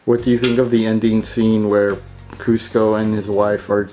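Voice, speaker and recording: A man acting as interviewer, putting short deadpan questions to others. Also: lowish voice, normal speed, soft background music, low-quality recording. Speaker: interviewer prompting the storytellers.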